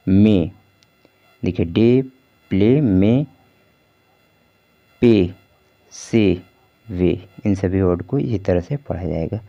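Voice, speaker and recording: Gravelly low-voiced male teacher. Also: mellow, muffled recording. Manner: patient, repeats points and asks rhetorical questions. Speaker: English pronunciation teacher. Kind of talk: explanatory lesson.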